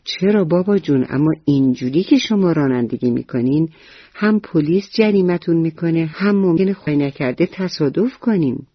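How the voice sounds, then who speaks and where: A woman's voice: low-pitched, breathy edge, no echo, lo-fi sound. A woman storyteller voicing an eager, proud little schoolboy who politely lectures his father about traffic rules, in a bedtime radio story. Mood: earnest.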